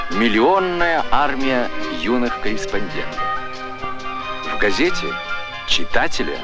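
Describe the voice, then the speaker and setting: A man narrating a scripted 1970s Soviet newsreel in a formal, solemn announcer's manner. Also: medium pitch. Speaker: documentary narrator. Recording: vintage film soundtrack with music. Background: music.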